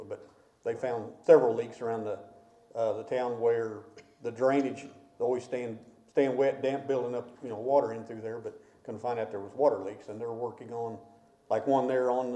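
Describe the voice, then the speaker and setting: A man at a city committee meeting, talking in a rambling, halting way full of fillers. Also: mid-range voice, mellow. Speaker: committee member. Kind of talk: public meeting discussion. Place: council meeting room. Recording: echoey meeting room.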